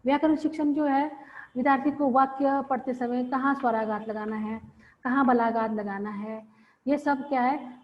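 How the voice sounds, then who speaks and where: A woman giving a classroom lecture, explaining slowly and repeating phrases with pauses. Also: sits high, steady tone, slight background noise. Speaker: teacher. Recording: dull lo-fi audio with long reverb.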